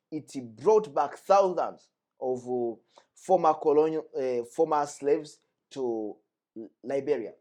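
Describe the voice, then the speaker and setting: A young man from the Democratic Republic of Congo, appearing as a guest, talks earnestly and emphatically, going back over his key points. His voice is slightly high with a darkish tone.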